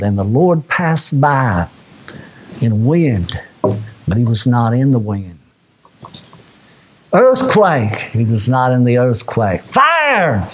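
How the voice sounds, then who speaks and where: A man preaching a sermon, folksy and plain-spoken, reading scripture with rising fervor and dropping low for asides. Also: darkish tone, a little hiss or hum. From Missouri, USA. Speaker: pastor.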